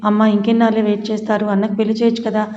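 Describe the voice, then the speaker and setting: A playful young man teases his older brother in a storybook, voiced by a woman reader. The delivery is flat and mellow. The sound is dull and roomy with a long reverb. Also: sits high, very fast, lightly acted. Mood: teasing. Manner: playful, teasing.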